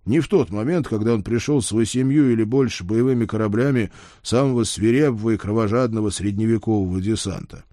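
A man reading a first-person audiobook, with a wry, lively storytelling manner. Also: lowish voice, brisk, few pauses, no room sound, clean studio sound. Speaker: audiobook narrator.

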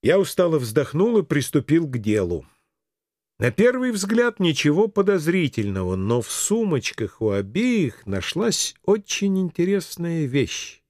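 Lively, wry male audiobook narrator. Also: a little high, a little slow, no echo, studio quality. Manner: wry, dryly ironic storytelling. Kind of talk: first-person audiobook narration.

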